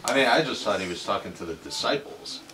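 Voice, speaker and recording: A man's voice: lowish voice, animated, quick pace, pushed and bright, echoey room, slight background noise. A man in a Bible study group talking casually and asking curious questions, recorded from across the room. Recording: distant mic in a room.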